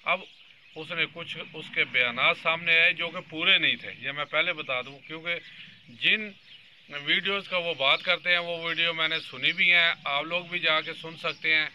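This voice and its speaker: Bright-voiced man in his fifties commenting. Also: fairly high pitch, fairly even intonation, normal speed, a little hiss or hum. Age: 50s. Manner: earnest, explaining at length and addressing viewers directly. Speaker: vlogger. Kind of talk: political commentary monologue.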